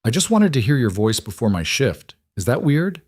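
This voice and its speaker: A man voicing a warm, hopeful young woman who works nights, speaking tenderly and a little shyly. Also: mid-range voice, big pitch swings, normal speed, no room sound, clean studio sound.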